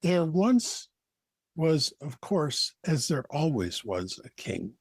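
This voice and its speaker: A man with an American accent, telling a folktale as a storyteller, deliberate, with dramatic pauses. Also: a little high, very animated, slightly rough, dry recording. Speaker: storyteller, co-host.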